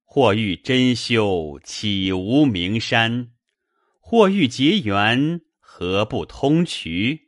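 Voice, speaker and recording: A man's voice: mid-range voice, animated, very slow, no room sound, clean studio sound. A man voicing a polite, ambitious official who speaks formally and deferentially. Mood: courteous. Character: courteous ambitious male official, scholarly.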